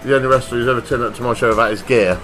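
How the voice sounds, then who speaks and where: A man's voice: medium pitch, fairly even intonation, rapid-fire, a bit bright, faint music behind. A man hosting a podcast, talking in a rambling, sweary way and laughing often. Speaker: podcast host. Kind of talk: casual banter.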